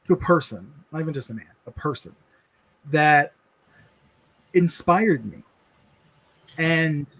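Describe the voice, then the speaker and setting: A man co-hosting a livestream, telling a personal story in an earnest, halting way with many restarts. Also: a little high. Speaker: livestream co-host.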